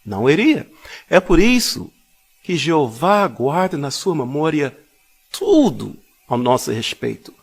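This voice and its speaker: A man giving a public Bible talk, deliberate and repeating phrases for emphasis, with personal anecdotes woven in. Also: fairly high pitch, very animated, vocal fry, breathy edge. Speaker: congregation speaker.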